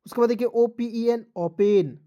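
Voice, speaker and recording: A man teaching a spelling and pronunciation lesson in a warm, mellow voice. He spells words letter by letter and then says each one aloud. He keeps turning to his viewers with quick questions, calling them friends. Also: extremely high pitch, dull audio.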